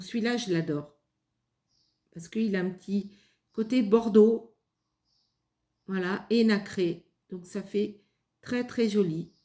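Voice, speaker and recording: In an echoey room, a woman with a mid-range, dark-toned voice runs a craft video. She shows and tries out materials while talking casually and hesitantly, with lots of fillers and restarts.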